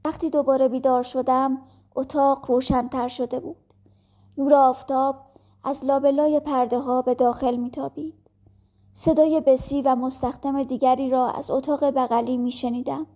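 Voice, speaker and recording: A woman reading a classic novel aloud as an audiobook, calm and measured. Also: high voice. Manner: calm, measured storytelling with quoted dialogue. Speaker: audiobook narrator. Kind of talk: scripted narration of a classic novel.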